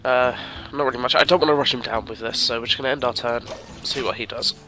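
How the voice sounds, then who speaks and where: A gaming commentator with a cold sniffles while casually chatting through his card game, rambling and thinking out loud in a let's-play style. His voice is medium-pitched and steady, the pace quick, with music playing underneath.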